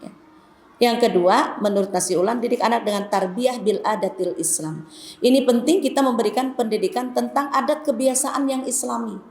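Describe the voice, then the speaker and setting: A woman's voice: fairly high pitch, normal speed, darkish tone. A middle-aged woman gives a conversational Islamic lecture to women, telling stories and addressing them directly. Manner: chatty, storytelling, addresses the women as "Bu". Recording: echoey hall, faint background noise.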